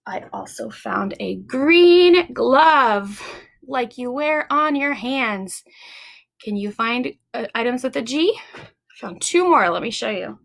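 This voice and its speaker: A woman leads a story time for young children, encouraging and animated, using simple phrases and asking the listeners questions directly. Her fairly high voice has vocal fry, and she takes things slowly.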